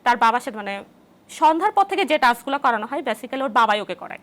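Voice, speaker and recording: A mother with a high voice talks about her son at home as a guest on a studio program. Her speech is loose and conversational, with plenty of restarts. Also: big pitch swings, quick pace, fairly bright tone. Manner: conversational, frequent "mane" fillers.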